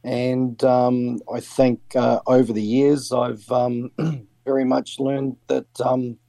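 Speaking slowly with little pitch movement, this sailing skipper has a medium-pitched, gravelly voice with a dark tone. He's a middle-aged New Zealander with the accent to match, answering on-air interview questions amid many ums and restarts, in a dry recording.

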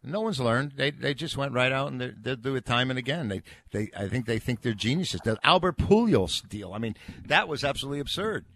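A man's voice: mid-range voice, animated, fairly quick, few pauses, a bit bright, dry recording. An opinionated man chatting casually about sports as a show commentator.

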